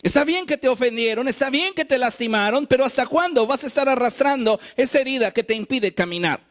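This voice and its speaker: A man preaching a sermon, animated and wry, acting out the quoted lines he tells. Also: very high-pitched, brisk. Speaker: pastor.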